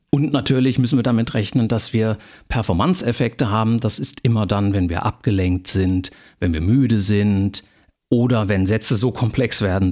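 Male lecturer, lowish voice, measured explanatory delivery, formal address to students. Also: a little mellow. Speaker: university lecturer. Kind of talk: university lecture.

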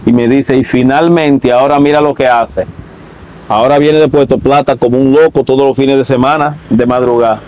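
A man's voice: mid-range voice, fairly even intonation, normal speed, a little mellow, clean tone, rough recording. A man with a Dominican accent telling a religious testimony as an interviewee, acting out the dialogue he recalls. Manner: vivid storyteller, acts out both sides of a conversation.

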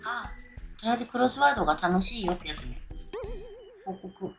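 A woman's voice: mid-range voice, animated, brisk, a bit bright, faint music behind. A drunk woman in her thirties chatting casually to camera, rambling and often losing her train of thought. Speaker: vlogger. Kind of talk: casual solo chat to camera. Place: small bedroom or hotel room, indoors.

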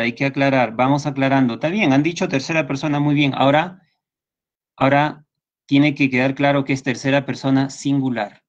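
A male English teacher with a Peruvian Spanish accent, speaking at a middling pitch in a patient, repetitive way. He keeps checking that his students follow along. The sound is a little dull and lo-fi. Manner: patient, repeats points and checks understanding with students. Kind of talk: online class lecture.

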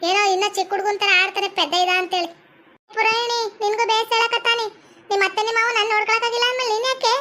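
A shrill, bossy village aunt. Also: female voice, fairly even intonation, fast. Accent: North Karnataka Kannada. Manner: scolding, sharp-tongued, theatrical. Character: bossy loud-mouthed middle-aged village aunt. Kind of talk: village comedy skit.

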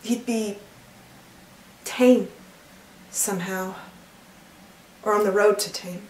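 A middle-aged woman playing an earnest, troubled woman in a dramatic monologue, pleading in a hushed, halting, sorrowful way. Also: medium pitch, fairly even intonation, natural voice. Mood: wistful. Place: indoor studio against plain backdrop. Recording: roomy, distant mic, background noise.

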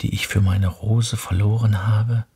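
A man softly voicing a gentle boy prince. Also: fairly low pitch, level tone, unhurried, slightly rough, full character voice. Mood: earnest.

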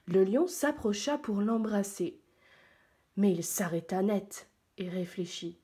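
A woman teacher reading a picture book aloud to young pupils, slow and expressive. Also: mid-range voice.

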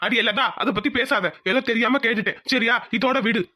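A woman voicing a gruff, brooding older village father who speaks curtly and wearily in a cartoon. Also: a little high, fairly quick, sharp tone, no echo, studio quality. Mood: weary. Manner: curt, weary. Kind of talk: cartoon voice acting.

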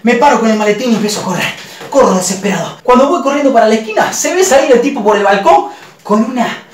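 High-voiced man telling a comic story. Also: quick pace, recorded from a distance. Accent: Rioplatense Spanish. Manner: animated, exclamatory, swearing. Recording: roomy, off-mic, faint noise.

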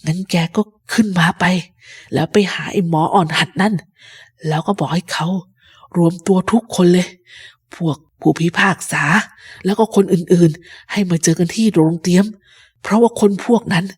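A husky, feeble old pirate captain in a read-aloud storybook, talking low and slow like every word costs him effort, voiced by a woman. He is gruff, fearful of his old crew, and hungry for a drink. Voice sits low and strained. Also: darkish tone. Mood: secretive. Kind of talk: storybook reading.

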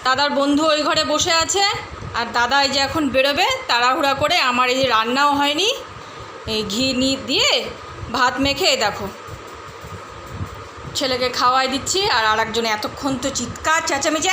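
High-voiced woman vlogging at home. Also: bright, forceful tone. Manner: scolds and coaxes the dog in rapid repeated commands. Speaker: vlogger filming her dog at home. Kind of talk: casual home vlog narration. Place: inside a home. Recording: echoey room with background noise.

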